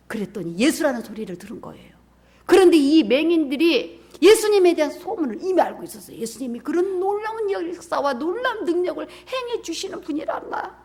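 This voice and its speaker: A woman pastor preaching a sermon, swinging from loud cries to hushed whispers and acting out the voices in the scripture scene. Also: high-pitched. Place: church sanctuary.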